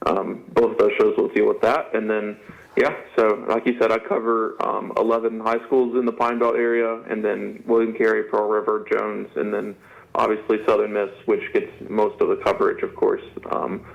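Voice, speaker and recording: A man's voice: fairly low pitch, level tone, normal speed, gravelly. Muffled man with swollen-mouth speech. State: slightly muffled speech from swollen mouth after dental surgery. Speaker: sports editor and podcaster, guest. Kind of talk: casual sports interview talk. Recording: dull, band-limited radio-style sound.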